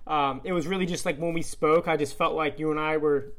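A man's voice: on the high side, fairly even intonation, a little fast, fairly bright tone. A man hosting a podcast in a casual interview, earnest and rambling with many fillers. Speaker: podcast host.

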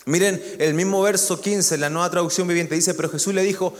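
A man's voice: high-pitched, fairly even intonation, fairly quick, big-room sound. A man preaching a sermon, conversational and joking, with asides to the congregation. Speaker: pastor.

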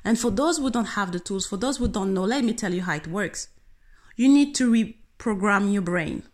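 A woman's voice: mid-range voice, normal speed. Earnest woman giving a motivational talk. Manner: earnest, animated, speaks directly to the listener. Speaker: tennis coach.

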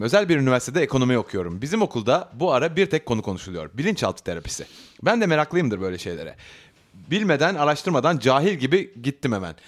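A male podcast host whose voice sits a bit higher than most men's. He chats casually with his co-hosts and reads a listener's letter aloud with playful, teasing delivery. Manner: playful, joking.

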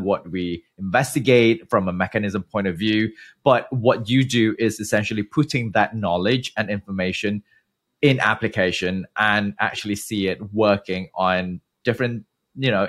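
A Malaysian man in his thirties, appearing as a guest researcher, gives measured, explanatory answers in an interview, pausing frequently. His voice sits on the low side and is a bit bright.

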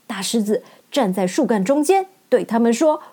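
A woman storyteller narrating a children's story in a gentle, expressive read-aloud style. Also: on the high side, normal speed.

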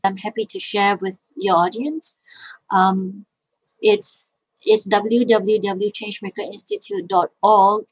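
A middle-aged Malaysian woman, a social enterprise founder and IP lawyer appearing as a guest, answers interview questions thoughtfully and often repeats words as she restarts. Her medium-pitched voice is slow with a breathy edge, and the recording is rough.

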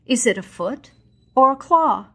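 A woman's voice: high-pitched, expressive, unhurried, husky, voice pushed up, heavily acted. A woman voicing Scrooge, an anxious old miser, asking startled, pleading questions in a storybook reading. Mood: wary.

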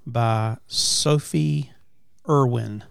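Gravelly man, casual chat. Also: medium pitch, drawn-out words, no room sound, clean studio sound. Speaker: podcast host. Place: at a family farm.

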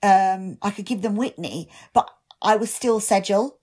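Speaking a little slowly in a darkish, slightly raspy voice of medium pitch, the thirty-something singer-actor opens up thoughtfully during a podcast interview. Her answers come with ums and frequent restarts.

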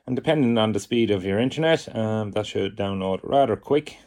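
A man presenting a step-by-step software demonstration in a measured, methodical way. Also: lowish voice. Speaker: tutorial presenter.

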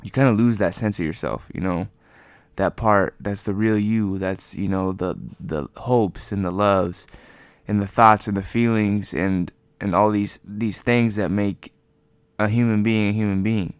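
A man hosting a personal podcast while lying on the floor, talking casually and reflectively, haltingly repeating words as he searches for the next one. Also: on the low side, fairly even intonation, clean tone, no echo. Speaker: podcast host. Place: lying on the floor of a room at home.

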